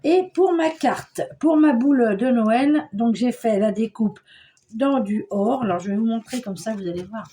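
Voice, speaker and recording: A woman's voice: fairly high pitch, measured pace, mellow. An older woman chatting her way through a homely crafting tutorial, describing each step as she works. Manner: chatty, homely, narrates her hands at work. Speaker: scrapbooking crafter.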